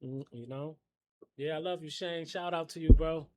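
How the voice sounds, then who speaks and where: A man's voice: fairly high pitch, steady tone, moderate pace, dark tone, slight background noise. A man who runs a wrestling promotion, talking enthusiastically and loosely as a guest in an interview. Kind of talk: casual interview. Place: collectibles shop, indoors.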